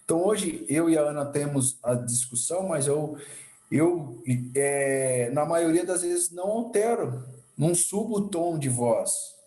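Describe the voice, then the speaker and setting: A man leading a church discipleship class, talking through his own story in a loose, reflective, conversational manner. His voice sits a bit high for a man. The sound carries a roomy echo. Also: animated, measured pace, dark tone. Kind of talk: personal testimony while teaching.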